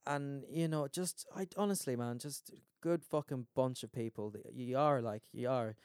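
Clear-voiced Irish man, rambling and emphatic. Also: mid-range voice, normal speed, darkish tone, no echo, clean studio sound. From Ireland. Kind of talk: casual chat.

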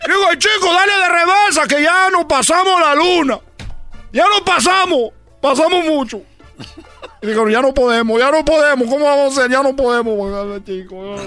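A boastful, excitable baseball player, put on by a man for a comic radio sketch. The voice sits high and squeals as he rambles on, cracking himself up. A faint music bed runs under his talk. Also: fast talker, hardly any pauses, clean tone. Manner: rambling, shouting catchphrases, laughing at own jokes. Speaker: recurring comedy character on a radio show.

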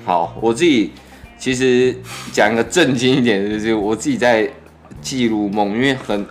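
A man's voice: medium pitch, normal speed, soft background music. A man in his twenties with a Taiwanese Mandarin accent hosts a casual, laid-back podcast chat, his articulation slightly muffled by braces on his teeth. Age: 20s. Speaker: podcast host.

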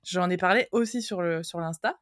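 A woman co-hosting a casual book podcast, chatting in a relaxed, hesitant and playful way. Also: on the low side, moderate pace, dry recording, clean studio sound. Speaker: podcast co-host. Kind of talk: casual chat about books.

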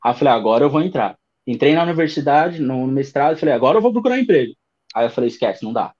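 A man in his thirties with a São Paulo accent, telling his story as an interview guest in a relaxed, rambling way. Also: medium pitch, very fast, muffled recording. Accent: São Paulo Brazilian Portuguese. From Brazil. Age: 30s. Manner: relaxed storytelling with many fillers. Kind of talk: casual interview chat.

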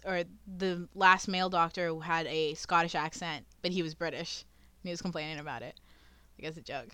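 A young woman chatting on a podcast with a bright, crisp voice that sounds close and dry. She laughs easily, swears casually, and gets animated when she tells a story. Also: lowish voice, no echo. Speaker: podcast co-host. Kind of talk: casual chat.

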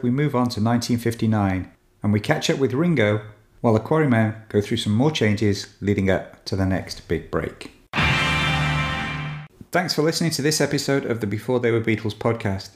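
Low-voiced man narrating a history podcast. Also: roomy sound. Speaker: podcast host.

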